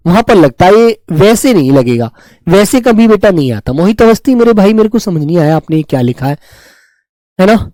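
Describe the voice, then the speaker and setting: A man with a high voice teaches grammar to an online class, repeating each term slowly and calling his students dear children. He stops to answer viewers' comments. The sound is dry and close. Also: darkish tone, no room sound, rough recording. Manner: addresses students fondly as children, repeats terms.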